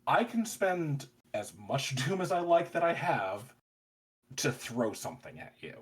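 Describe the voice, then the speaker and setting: Husky man running a tabletop game. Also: on the high side, sing-song, a little slow, low-quality recording. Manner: descriptive, cinematic, with restarts. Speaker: game master.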